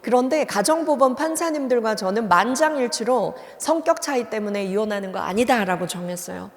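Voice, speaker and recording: A woman's voice: a little high, lively intonation, fairly quick. A woman psychology professor giving a church seminar lecture. She asks her audience questions and acts out the lines she quotes. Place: church hall. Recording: long-reverb church hall.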